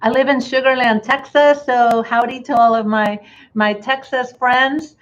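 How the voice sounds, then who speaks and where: A Chilean woman with a slight Chilean Spanish accent presents a bookkeeping webinar in a friendly way, with heavy use of fillers and frequent restarts. Her voice is a little high and steady in tone, at a somewhat slow pace, and the audio sounds dull.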